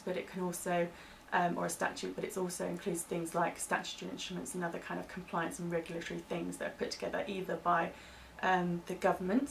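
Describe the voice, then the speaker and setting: Her voice is gravelly and on the low side. She's a British interviewee explaining legal terms for staff training in a casual, hedging way, often saying "kind of," picked up by a distant mic over faint background noise.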